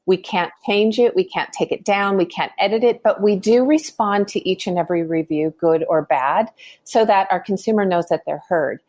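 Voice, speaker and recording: A skincare brand founder in her fifties, interviewed on a podcast, earnestly explains what she thinks and often begins her sentences again. Her voice is medium-pitched and a little mellow, at a moderate pace.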